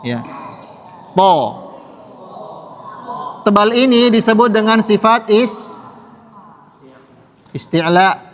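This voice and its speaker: A high-pitched man teaches Quran recitation at an unhurried, deliberate pace. He patiently repeats each sound for his students to echo. His voice rings with the long reverb of a large hall. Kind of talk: classroom tajwid lesson.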